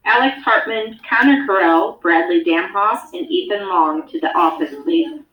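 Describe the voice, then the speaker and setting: A woman from the school office reading out an announcement over the school intercom loudspeaker, going slowly and evenly through a list of names. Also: mid-range voice, expressive. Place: school classroom, heard through a wall speaker. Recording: muffled intercom speaker in an echoey classroom.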